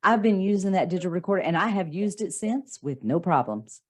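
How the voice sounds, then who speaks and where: A woman co-hosts a podcast in an easygoing, chatty way, her voice fairly low for a woman. She tells her stories with energy and acts out the lines she quotes. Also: animated, a little fast. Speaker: podcast co-host. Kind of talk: casual chat.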